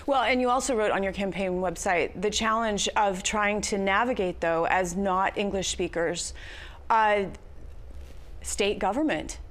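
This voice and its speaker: Measured woman interviewer. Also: medium pitch. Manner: measured, reads prepared questions. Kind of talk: formal broadcast interview.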